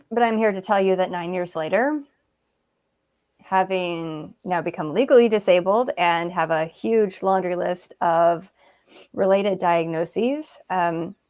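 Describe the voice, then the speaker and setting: A woman's voice: on the low side, slow pace, darkish tone. Chatty woman telling her story. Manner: chatty, many fillers, acts out quoted remarks. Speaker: guest author. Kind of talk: casual interview storytelling.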